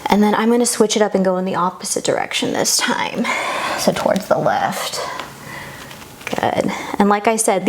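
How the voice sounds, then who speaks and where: A woman's voice: medium pitch, a little mellow, a little hiss or hum. Encouraging woman leading a yoga class. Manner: encouraging, reassuring, informal. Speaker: yoga instructor. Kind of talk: guided yoga class instruction.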